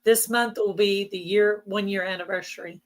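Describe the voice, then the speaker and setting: A woman's voice: medium pitch, steady tone, moderate pace. A woman in casual, chatty, explanatory conversation, her voice giving out from allergies. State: losing her voice from allergies, throat clearing. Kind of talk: casual chat.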